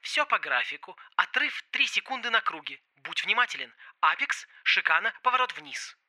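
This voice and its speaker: A man voicing a calm male race engineer in a pilot's headset, speaking in clipped commands. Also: sits high, moderate pace, noisy background, pitched above the performer's own voice. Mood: steady coaching. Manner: clipped commands, steady then urgent.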